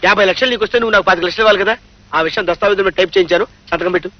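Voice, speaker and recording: A man's voice: sits high, very fast, lightly acted. An actor playing a scheming, boastful male criminal lawyer in a comedy film, talking in a sly, bossy way. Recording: dull film audio with music.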